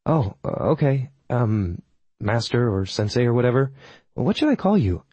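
A man putting on a high, thrilled young woman, an irreverent druid apprentice in an audiobook who crows with delight. The voice sits far above his own, a little husky and dry. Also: normal speed, no echo. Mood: cheeky. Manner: excited, crowing.

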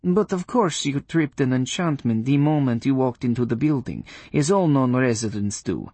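A man's voice: mid-range voice, animated, normal speed, darkish tone, breathy edge, dry recording, pitched above the performer's own voice. A man voicing a haughty, coldly formal woman witch, speaking in a stiff, clipped way. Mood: compelled. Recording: dry close studio sound.

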